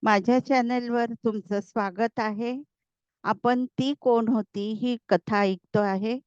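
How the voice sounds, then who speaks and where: A woman reading out a serialized story as its storyteller, in a slow, deliberate way. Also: fairly high pitch, steady tone, darkish tone, clear, resonant tone, no room sound. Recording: dry, slightly dull lo-fi recording.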